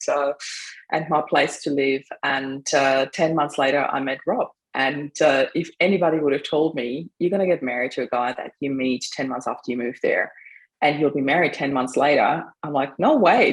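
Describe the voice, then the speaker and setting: Woman from Austria, middle-aged, podcast guest, chatty, quick laughs, casual storytelling. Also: deep voice, poor audio. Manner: chatty, laughs often, trails off with fillers. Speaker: mindset coach. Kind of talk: casual interview.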